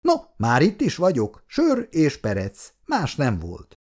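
A man's voice: fairly high pitch, huge pitch swings, darkish tone, pitched above the performer's own voice. Man doing a cheeky young troublemaker. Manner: teasing, feigned innocence.

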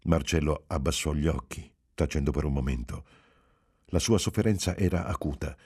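A male audiobook reader narrates a novel in a measured, unhurried way. His voice is extremely low and dark, with a husky, grainy edge.

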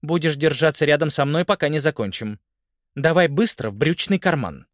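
In an audiobook, a man voices a stern, commanding aunt who is a policewoman, raising his natural voice to a somewhat high pitch. He speaks at a normal pace, and the dry recording has clean studio sound.

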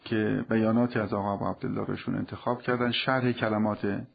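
A man speaking on religious themes with a gravelly, husky voice, his delivery fervent and preacherly. The sound is dull and lo-fi, like an old radio broadcast. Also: on the low side, steady tone. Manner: impassioned, preacherly, rising to fervent appeals. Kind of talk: religious talk.

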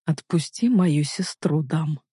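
Man doing a quiet, stern big brother; low and hard, dry close sound. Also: normal speed, no echo, lightly acted.

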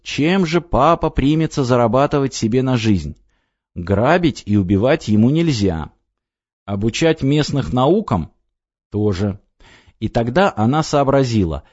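A man narrating an audiobook in an expressive reading style. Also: mid-range voice, no echo. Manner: expressive, voices the characters. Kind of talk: scripted narration. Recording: dry, slightly dull audiobook recording.

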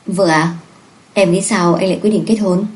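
A woman voicing a domineering, lazy young husband with a low, teasing manner in a romance audiobook. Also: steady tone, normal speed, darkish tone, close to an everyday voice, rough recording. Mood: menacing.

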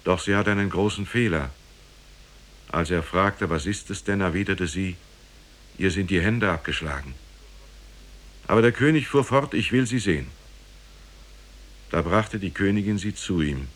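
A low-pitched, expressive male actor voices a grave storyteller in a 1950s German radio play. He recites an old parable in a solemn, measured, formal manner.

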